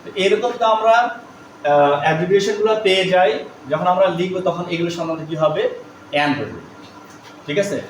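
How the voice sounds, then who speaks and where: Guy teaching grammar, high voice, asks himself questions then answers, echoey room, loud hiss behind. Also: lively intonation, fast talker, long pauses. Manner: explains step by step, asks and answers his own questions. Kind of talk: classroom lecture.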